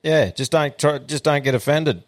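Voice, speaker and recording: A man's voice: a little high, moderate pace. An Australian man hosting a podcast, chatting casually in a blokey, sweary way. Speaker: podcast host. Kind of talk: casual banter.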